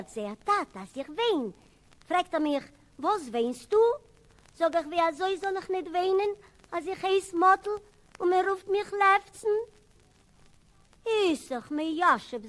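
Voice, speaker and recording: A woman stage performer playing a cheeky, plaintive orphan boy in a Yiddish stage monologue with sung refrains, from a 1978 concert record. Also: high-pitched. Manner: lively storytelling with sung refrains.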